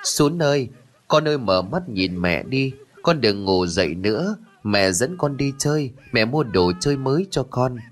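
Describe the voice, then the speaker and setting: A man's voice: mid-range voice, big pitch swings, moderate pace. A man voicing a grief-stricken young mother who pleads and sobs over her dying child in a told story. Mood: pleading grief. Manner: pleading, sobbing.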